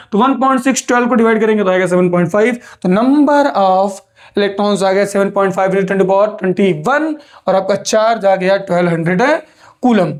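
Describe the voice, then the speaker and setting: A young man with an Indian English accent, a teacher going step by step through exam sums, often putting a question to the class and answering it himself. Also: high-pitched. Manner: explains step by step, asks and answers his own questions. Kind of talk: exam revision lesson.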